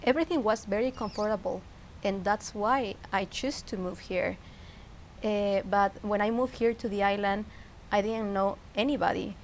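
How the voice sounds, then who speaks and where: This interview guest is a Peruvian woman whose English carries a Peruvian Spanish accent, and she gropes for words while chatting casually and reflectively. Her voice is medium in pitch, fairly even in intonation, and moves at a normal speed. Background noise and ambience come through clearly.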